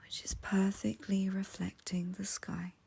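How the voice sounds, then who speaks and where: Soothing and gentle, a woman whispers her way through a guided meditation in a soft, breathy, mid-range voice. She speaks in a monotone and pauses at length.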